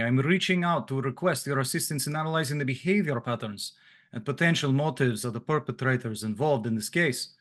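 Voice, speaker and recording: A man's voice: medium pitch, fairly bright tone. A man reading a police captain's formal letter to a detective in a put-on Russian accent.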